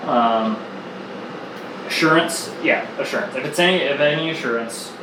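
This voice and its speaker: A man narrating a tabletop game as game master, pausing often to search for words, recorded on a distant mic in a roomy, noisy space. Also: mid-range voice. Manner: hesitant, many fillers and restarts.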